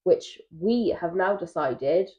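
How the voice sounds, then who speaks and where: A young woman in her twenties co-hosting a couples podcast, chatting casually and telling stories with animated asides. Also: lowish voice, slow. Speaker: podcast co-host. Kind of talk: casual chat. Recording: dull lo-fi mic sound.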